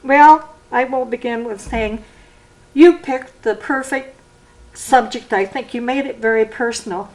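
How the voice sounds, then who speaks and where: An older woman beginning a speech evaluation in a warm, teasing manner. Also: a little high, a little slow, rough recording.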